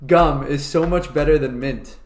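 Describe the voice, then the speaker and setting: A young man co-hosting a casual podcast, talking fast and swearing often, with "dude" in nearly every sentence. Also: fairly high pitch, roomy sound, over a noisy crowd. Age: young adult. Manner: fast-talking and profane, says "dude" a lot. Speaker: podcast co-host. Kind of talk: casual chat.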